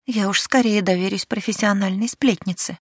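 A woman voicing a cheeky, sharp-tongued young maidservant in an audiobook, with a mocking, teasing manner. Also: medium pitch, fairly even intonation, moderate pace, slightly rough, no room sound, studio quality, voice pushed up, close to an everyday voice.

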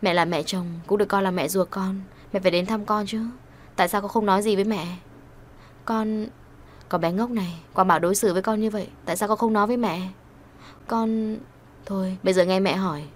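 A woman's voice: medium pitch, fairly even intonation, fairly quick, a little hiss or hum, natural voice. A woman voicing a caring, firm older mother-in-law in an audio story, scolding tenderly. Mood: concerned.

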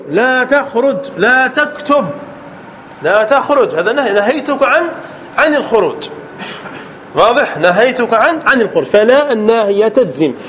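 A man teaching a grammar lesson to a class. He checks with his students often, repeats words, and stretches key words out slowly. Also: very high voice, a bit bright, slight background noise.

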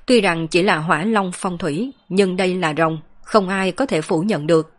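A woman reading a fantasy novel aloud as an audiobook narrator, steady and even. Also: fairly low pitch, normal speed. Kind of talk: scripted narration.

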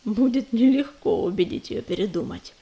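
A steady young tomcat warrior from a storybook, speaking low and measured, never rattled, as a woman reader lowers her voice for him. He sounds calm and sensible. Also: dull audio, natural voice. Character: young male warrior cat, calm and level-headed.

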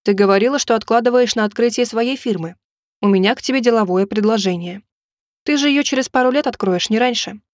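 Woman doing insistent young man, touchy, audiobook, dry close voice, fairly high. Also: dry recording, natural voice. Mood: coaxing. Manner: insistent, quick to take offence. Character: pushy young man wanting a loan. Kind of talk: audiobook reading.

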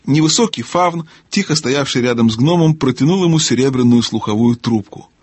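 A male audiobook narrator with a husky, slightly breathy voice and a middle pitch. He reads in an even storytelling manner, recorded dry and close. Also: a little fast, no room sound. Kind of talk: scripted narration.

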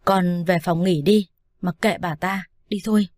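A woman's voice: lowish voice, steady tone, measured pace, a little mellow, no echo, lightly acted. A woman reading the lines of a middle-aged father-in-law, short with words but caring, with dry jokes. Recorded close and dry, without room sound. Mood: gentle. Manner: curt, dryly joking.

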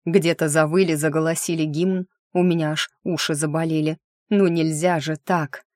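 A woman's voice: low voice, little pitch movement, moderate pace, darkish tone, no room sound. A woman reading a first-person audiobook in a wry, sardonic inner-monologue manner, close to the mic. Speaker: audiobook narrator.

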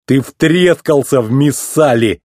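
A man voicing a goofy, boastful old tow truck in a storybook reading, with a husky, sing-song teasing drawl. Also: fairly high pitch, animated, measured pace, a little mellow, dry recording, clean studio sound, pitched above the performer's own voice.

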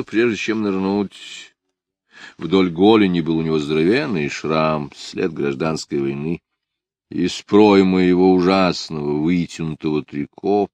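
Male audiobook narrator, low and expressive; dry close-mic read. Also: dry recording.

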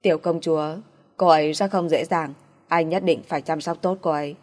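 Woman voicing a gentle lovelorn young man. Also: low-pitched, fairly even intonation, brisk, lightly acted. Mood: wistful.

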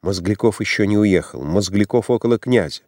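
A man reading a classic novel as an audiobook, narrating in an expressive, dramatic way. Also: fairly low pitch, brisk, no room sound, clean studio sound. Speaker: audiobook reader.

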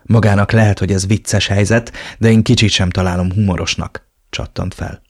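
A man's voice: low voice, steady tone. A man voicing a frightened but stubborn young woman held captive, reading her lines in an audiobook. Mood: indignant. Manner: pleading, then indignant.

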